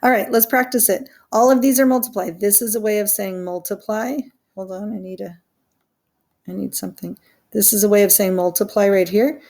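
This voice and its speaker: Woman, math teacher, creaky voice, chatty, self-deprecating, worksheet walkthrough. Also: mid-range voice, fairly even intonation, fairly quick, darkish tone. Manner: chatty and self-deprecating, laughing at her own mistakes. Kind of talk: recorded worksheet walkthrough lesson.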